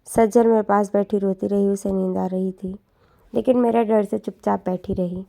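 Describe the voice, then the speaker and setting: A woman narrates an emotional story in a soft, subdued, earnest voice. Her tone is mellow and warm, with a gravelly texture. Her delivery stays gentle and low-key. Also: fairly even intonation.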